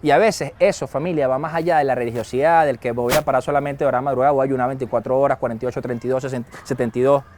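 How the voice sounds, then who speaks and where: A man preaching a sermon as pastor, lively and acting out quoted dialogue. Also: medium pitch, very fast, hardly any pauses, a little hiss or hum. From Venezuela. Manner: lively, acts out quoted dialogue and chuckles often.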